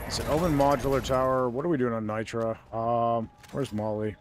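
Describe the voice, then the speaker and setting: A man's voice: medium pitch, steady tone, brisk. A man giving casual, playful gameplay commentary in an easygoing way. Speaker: gamer, streamer. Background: faint game music.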